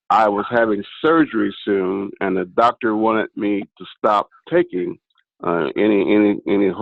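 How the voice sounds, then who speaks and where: A man caller giving a halting testimony, with many pauses and restarts. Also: lowish voice, gravelly, dry recording. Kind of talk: casual spoken testimony. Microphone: phone call into a video meeting. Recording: dry tinny phone line.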